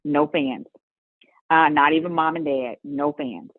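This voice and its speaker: A middle-aged woman being interviewed, telling stories in a lively way and laughing often. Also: low voice, measured pace, no room sound. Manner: lively storytelling with frequent laughs. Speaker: guest, mother of an NBA player. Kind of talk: conversational interview storytelling. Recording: tinny phone-line audio, dry.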